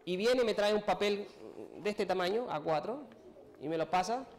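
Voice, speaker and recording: A man giving a sermon testimony, telling a personal story in a halting, emotional way and acting out what people said to him. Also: sits high, lively intonation, slight background noise. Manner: storytelling, acts out his own and others' words, emotional, halting. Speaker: preacher.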